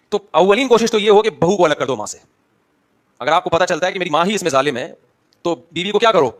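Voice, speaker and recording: A high-voiced man answers questions as a religious scholar. He explains each point step by step and turns to his listeners with rhetorical questions. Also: a bit bright. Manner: brief acknowledgements between questions.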